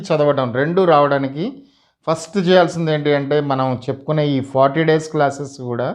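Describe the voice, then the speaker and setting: A man giving a slow lesson, sounding out each syllable and repeating it for learners. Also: fairly high pitch. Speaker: Telugu teacher.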